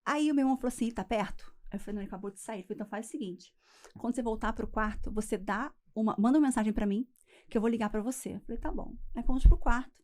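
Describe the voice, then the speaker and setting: Fast, high-voiced woman storyteller. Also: darkish tone. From Rio de Janeiro, Brazil. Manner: acts out quoted voices, laughs through the telling. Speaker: weight-loss coach guest. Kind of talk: animated storytelling in casual chat.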